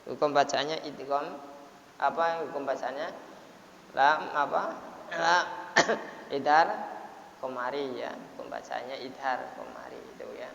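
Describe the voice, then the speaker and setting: A man teaches Quran recitation in a slow, unhurried way, breaking his explanations into short phrases. He stretches words out at length to model them and clears his throat often. The recording is dull and lo-fi, with a long hall echo. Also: medium pitch, steady tone, fairly bright tone. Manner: explains in short broken phrases, then drawls words slowly to demonstrate. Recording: echoey, hissy, dull lo-fi room recording.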